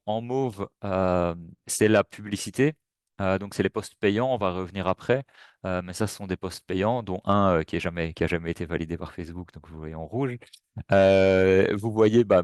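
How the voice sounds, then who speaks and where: Low-voiced man giving a webinar. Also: smooth, dry recording, clean studio sound. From Belgium. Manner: hesitant, many fillers and restarts. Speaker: webinar presenter. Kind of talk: casual webinar presentation.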